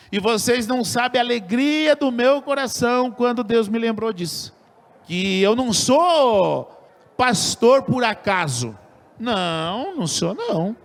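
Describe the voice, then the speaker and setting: High-voiced man preaching, earnest. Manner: earnest, emphatic preaching with slow stressed phrases. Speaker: pastor. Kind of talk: sermon.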